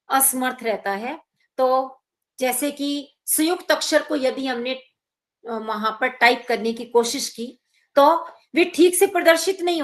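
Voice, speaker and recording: A woman giving a measured academic lecture at an online workshop, explaining step by step with small hesitations. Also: sits high, fairly bright tone. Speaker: guest speaker at an online workshop. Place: online workshop, video call.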